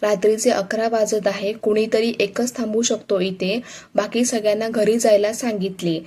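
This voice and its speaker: A woman's voice: mid-range voice, fairly even intonation, moderate pace, mellow, breathy edge, close to an everyday voice. A woman reading a concerned middle-aged father. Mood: matter-of-fact.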